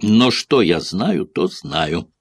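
Male reader doing frightened foreign traveller, shrill and insistent, husky edge, pitched up from his low voice, dry recording. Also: big pitch swings, takes it slowly, no room sound, exaggerated voice. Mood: hysterical. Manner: shrill, insistent, repeating himself. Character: frightened foreign man, panicky and pleading.

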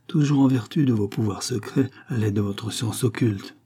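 A man's voice: fairly low pitch, normal speed, warm tone, breathy edge. A man voicing a haughty, scornful queen with a biting, contemptuous delivery. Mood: mocking.

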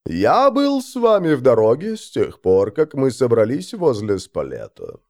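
A dignified nobleman in his sixties, as a male narrator puts him on, speaking with quiet authority and deep compassion. The voice moves freely in pitch, measured and humble. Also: wildly swooping pitch, full character voice. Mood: calm. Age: 60s.

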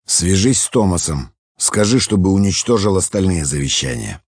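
Narrator doing a gruff stern guy, deep husky voice, dry close sound. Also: animated, normal speed, darkish tone, no echo, full character voice.

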